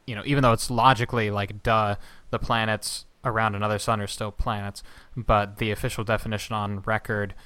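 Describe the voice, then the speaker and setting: A man with a lowish, smooth voice talks casually, explaining things at length with plenty of asides. The sound is dry and close, with no room behind it. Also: flat delivery, fairly quick, fairly bright tone, no echo. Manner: chatty, explanatory, rambling with asides. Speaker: podcast co-host. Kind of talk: casual chat.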